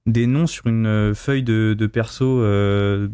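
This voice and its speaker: A man's voice: on the low side, steady tone, a little slow, mellow, clean tone, dry recording, clean studio sound. A man chatting about films in a casual, blunt and dismissive way with colloquial phrasing. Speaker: panelist in a film discussion. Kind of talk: casual film review discussion.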